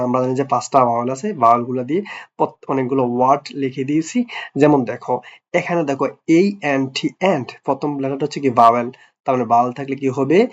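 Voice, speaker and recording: A man teaching a grammar lesson to young pupils, often asking "clear?" and quizzing them with playful, affectionate words. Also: medium pitch. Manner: repeats "clear?" and quizzes the listener; affectionate, teasing address to pupils. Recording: dull lo-fi recording.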